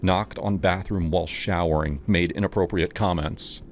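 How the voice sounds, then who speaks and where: A man narrating a first-person horror story in a steady, measured storytelling tone. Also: sits low, slight background noise.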